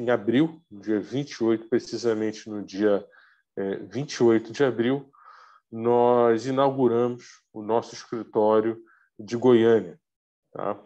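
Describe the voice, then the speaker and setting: A man's voice: lowish voice, a little mellow. Muffled Brazilian man talking through a mask. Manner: speaking through a face mask; halting, searching for words. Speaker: guest speaker, arbitrator. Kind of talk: informal lecture on video call. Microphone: video call. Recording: dull, lo-fi video call.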